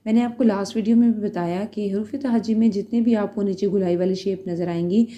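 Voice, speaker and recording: A woman's voice: medium pitch, fairly even intonation, a little fast, mellow, muffled recording. A woman teacher giving a patient beginner lesson, naming letters one at a time and checking in often. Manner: spells out letters one by one, checks in with "theek hai". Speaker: Urdu teacher.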